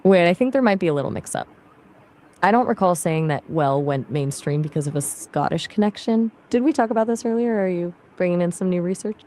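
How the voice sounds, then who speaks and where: A woman's voice as an AI assistant in casual conversational chat, upbeat and chatty with quick, lively replies. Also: on the low side.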